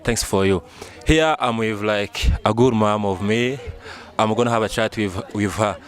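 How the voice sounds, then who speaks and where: Outdoors in a town, a man who hosts a channel conducts a casual street interview in a lowish voice at a moderate pace. He quizzes his guest in a playful, informal way.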